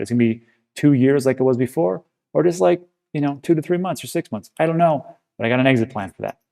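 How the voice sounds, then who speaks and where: A man talks straight to his viewers in a casual vlog, wandering through his points and restarting sentences as he reassures them. His voice is gravelly and low in brightness, mellow rather than sharp. He sounds like a regular host of his own channel. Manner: rambling, reassuring, with frequent restarts. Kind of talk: casual talking-to-camera vlog.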